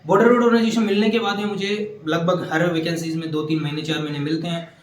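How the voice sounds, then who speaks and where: A man's voice: on the high side, steady tone, quick pace, echoey room, a little hiss or hum. A young man from Rajasthan, a government engineer, giving earnest motivational exam advice, repeating his points and mixing in English terms. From Rajasthan, India. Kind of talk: motivational talk.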